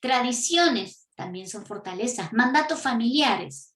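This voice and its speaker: A woman's voice: on the high side, animated, a little slow, a bit bright. A woman with an Argentine accent preaching a teaching sermon, emphatic and full of rhetorical questions. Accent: Argentine Spanish. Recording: echoey room.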